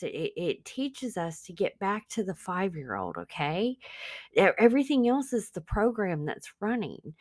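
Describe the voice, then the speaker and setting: A woman's voice: medium pitch, a little mellow, dry recording, clean studio sound. A woman who speaks English as a second language, hosting an informal spiritual self-help teaching, earnest and conversational, addressing listeners directly. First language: not English. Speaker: podcast host and spiritual business coach.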